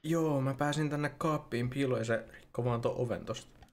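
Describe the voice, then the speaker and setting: A young man chatting excitedly while playing a horror game with friends, swearing often. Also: medium pitch, a crowd in the background. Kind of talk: casual gaming chat with friends.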